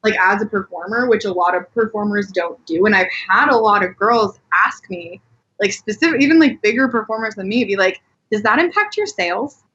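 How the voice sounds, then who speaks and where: Guesting on a podcast, this Colorado woman, an adult performer, talks openly and casually, saying "like" a lot. She has a mid-range, slightly rough, somewhat bright voice, speaks fairly quickly and animatedly, and the sound is lo-fi.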